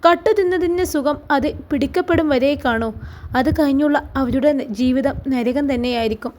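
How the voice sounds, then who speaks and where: A woman voicing a calm, devout young mother who answers in a firm, measured way. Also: high voice, lightly acted.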